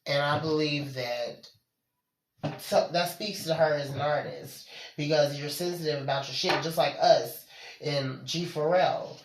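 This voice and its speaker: A woman's voice: deep voice, a little slow, slight background noise. A woman co-hosting a casual podcast, talking bluntly and emphatically with plenty of swearing. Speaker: podcast co-host. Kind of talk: casual chat. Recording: echoey room.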